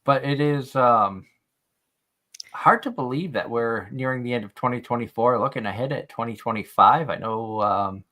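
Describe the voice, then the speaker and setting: A man with a bright, forceful voice and medium pitch hosts a casual stream. He chats and relays viewer comments conversationally. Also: normal speed. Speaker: stream show host.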